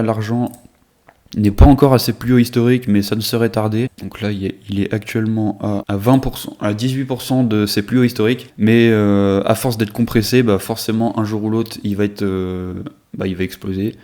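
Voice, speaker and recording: A man's voice: on the low side, fairly even intonation, fairly quick, warm tone. A man giving casual commentary on a shared screen, hesitant, with many fillers and restarts. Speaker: investing video creator.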